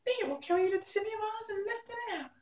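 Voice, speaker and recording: A man voicing a small, squeaky mouse queen in a storybook, courteous and helpful. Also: animated, rapid-fire, roomy sound, far from the mic. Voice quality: tiny, squeaky. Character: squeaky little old-world queen of mice, helpful.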